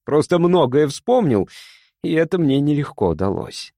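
A man voicing an excitable young man who shouts and rushes his words in a feverish rush. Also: no room sound, studio quality. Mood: excited. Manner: shouting, high-strung, rushing.

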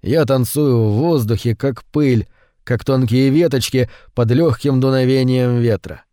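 Male audiobook narrator, mid-pitched, hushed and unhurried, dead-dry studio read. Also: no room sound. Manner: slow, hushed and brooding, with louder acted quotes. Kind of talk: scripted narration of a short story.

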